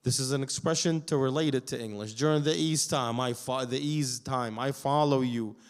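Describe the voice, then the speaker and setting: At a Muharram gathering, a man delivers a sermon in a smooth, medium-pitched voice at an ordinary pace. He was born in Iraq and grew up in Canada, and he recites Arabic verses with translations, building from hushed reflection into forceful, loud proclamation.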